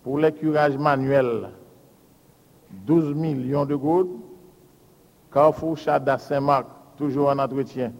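A man, a public works official giving a formal budget presentation and reading out lists of figures in a measured, deliberate way. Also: medium pitch, vocal fry, highs cut off. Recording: hall with long reverb.

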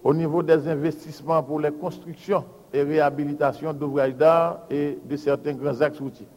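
A man, a public works official giving a formal budget presentation and reading out lists of figures in a measured, deliberate way. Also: on the high side, steady tone, a little mellow. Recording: hall with long reverb.

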